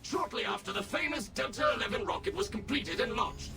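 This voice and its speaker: A too-smooth cheerful android guide. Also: male voice, sits high, brisk. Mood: chipper. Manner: polished, sing-song salesman politeness. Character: overly smooth, cheerful male robot tour guide. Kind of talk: video game character dialogue. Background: game music.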